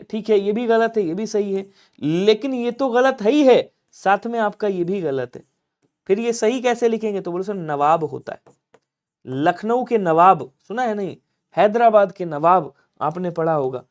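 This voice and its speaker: This Lucknow Hindi teacher has a fairly high voice with a darkish tone. In his live online exam-prep class he quizzes viewers and answers his own questions in call-and-response fashion, pushing everyone to comment quickly.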